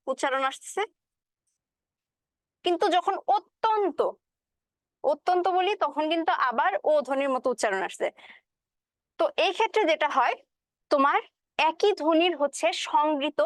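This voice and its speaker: In a classroom lecture, a woman teacher explains things step by step and often checks that her students are following, slipping English words into her speech. Her voice sits high, and the recording is dry with a clean studio sound.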